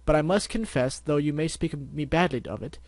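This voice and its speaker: A man's voice: a little high, animated, a little fast, dry recording, natural voice. A man voicing a refined, dramatic female pony dressmaker in a storybook reading, flowery and theatrical, with a stuffy nose. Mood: placating. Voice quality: stuffy-nosed.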